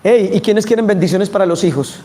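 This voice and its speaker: A man with a Colombian Spanish accent preaching a sermon, animated and asking his audience questions. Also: high voice, fairly quick.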